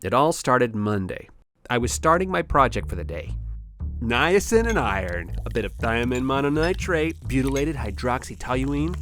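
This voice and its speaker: An actor playing a fussy, exasperated lab scientist, dramatic and swinging from dry deadpan to pleading in comic dialogue. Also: mid-range voice, moderate pace, faint music behind. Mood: dry, aggrieved. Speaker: actor in a comedy sketch.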